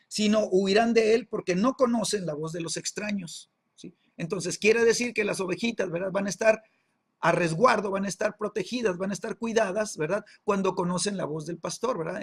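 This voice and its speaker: Teaching an online Bible class, a man with a high, gravelly voice keeps checking on his listeners through a steady stream of tag questions, repeating words as he searches for the next one.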